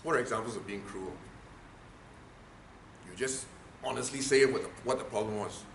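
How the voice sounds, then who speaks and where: At a moderate pace, a speaking trainer with a creaky, mid-range voice gives a workshop lecture. He stresses his points emphatically and questions the audience, in an echoey room with a faint hiss of noise.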